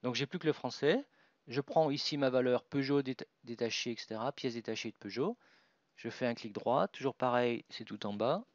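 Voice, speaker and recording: A man narrates a software tutorial at his computer, describing each click as he makes it and restarting his sentences now and then. The sound is dry and somewhat dull, with mouse clicks in the background. His voice sits at an ordinary middle pitch. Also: normal speed, dry recording. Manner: talks through each click, with fillers and restarts. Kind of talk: screen-recorded software tutorial.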